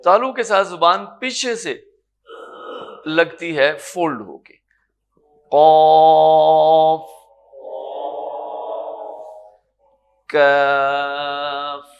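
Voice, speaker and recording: Man, Pakistani Urdu accent, tajweed lesson, somewhat high voice, drawn-out letter sounds, patient teacher. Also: very animated. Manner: sounds out Arabic letters slowly, drawn-out and loud. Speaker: Quran recitation teacher. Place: lecture room.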